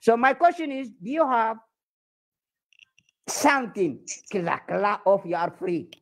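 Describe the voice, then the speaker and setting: High, lively man with an Eritrean accent. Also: measured pace. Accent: Eritrean-accented English. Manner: broken English, playful, flirtatious, boastful. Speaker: comedian prank-chatting. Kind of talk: comic flirting video chat.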